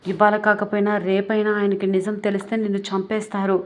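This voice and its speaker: A woman's voice: mid-range voice, monotone, fairly quick, natural voice. A woman voicing a protective mother who firmly reassures her daughter. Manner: firm, reassuring.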